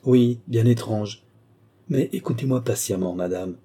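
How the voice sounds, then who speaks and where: A man's voice: mid-range voice, a little slow, mellow, slightly rough. A man reading the part of a frightened young Roman noblewoman in an audiobook, in a pleading voice. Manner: pleading, fearful.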